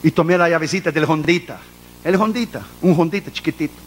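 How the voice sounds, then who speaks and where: A man's voice: on the high side, quick pace, a little hiss or hum. A man preaching a fervent sermon to a congregation, telling a personal testimony and dropping English phrases into his preaching. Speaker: evangelist preacher.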